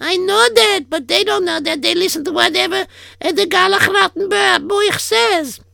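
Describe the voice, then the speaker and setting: A woman doing a gravelly, shrill old-world wife. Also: normal speed, sharp tone, no room sound, studio quality, full character voice. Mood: nagging.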